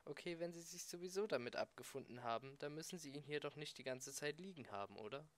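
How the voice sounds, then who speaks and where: A man's voice: on the high side, expressive, fast talker, voice pushed up, lightly acted. Brief: coaxing scheming alien pal, done by a man reading an amateur audiobook, patient and persuasive, slightly raised voice. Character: smooth-talking scheming alien friend, adult man.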